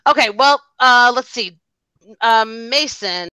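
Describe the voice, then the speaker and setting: Brief: female teacher-host on a video call, bright voice, agreeable interjections. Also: fairly high pitch, clear, resonant tone, dry recording. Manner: laughs often, quick agreeing interjections.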